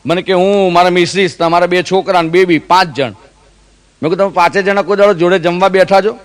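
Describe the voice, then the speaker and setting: A man's voice: high voice, fairly even intonation, a little fast. A man from Gujarat telling stand-up jokes, acting out the characters in his stories with mimicked voices. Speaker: comedian.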